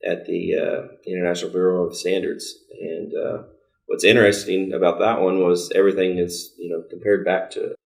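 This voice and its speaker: A man with a very low, gravelly voice, speaking as a guest on a casual podcast. His delivery stays flat, and he pauses often with fillers. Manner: halting, many fillers. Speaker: service director.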